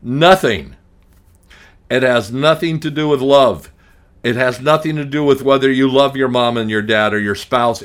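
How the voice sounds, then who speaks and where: A middle-aged man hosting a radio talk show as an estate planning attorney, ranting emphatically and hammering points through repetition, with frequent restarts. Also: mid-range voice. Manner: frequent restarts, blunt and grumpy.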